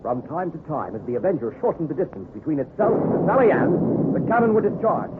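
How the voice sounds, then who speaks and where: In a slightly high voice with wide pitch swings, a man rapidly narrates an ocean adventure, florid and theatrical like old-time radio. Heard over a noisy, tinny vintage broadcast, the telling is suspenseful and dramatic.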